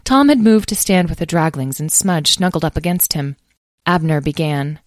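Low-voiced woman reading a story. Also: normal speed, dry recording, studio quality. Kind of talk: storybook narration.

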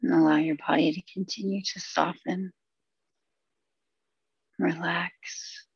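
In a low-leaning, husky voice heavy with vocal fry, a woman guides listeners through relaxation, keeping her tone steady. Her soothing phrases come short and unhurried, with long silences between. There's no room sound, and the audio is dull and extremely dry.

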